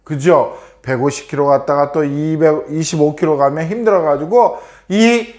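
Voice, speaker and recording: A male pastor giving a children's sermon, telling a Bible story in an animated way and often putting questions to the children. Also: on the high side, normal speed.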